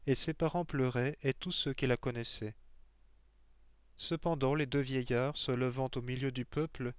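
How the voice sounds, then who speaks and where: A man reads a scripture story aloud in a measured, solemn way. His voice is smooth and resonant at a middle pitch. The recording is close and dry, with no room sound. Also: fairly even intonation, no echo. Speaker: reader. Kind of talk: scripture reading.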